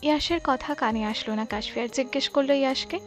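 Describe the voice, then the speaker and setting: A woman narrating a romantic audio story in a soft, steady storytelling voice. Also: high voice, quick pace, soft background music. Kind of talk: scripted narration.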